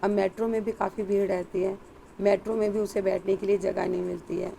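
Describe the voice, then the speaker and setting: A woman narrates a story in a low-key, reflective manner. Her voice is mellow and gravelly with little rise and fall, over a faint background hiss. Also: level tone. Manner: slow, reflective storytelling with soft quoted lines.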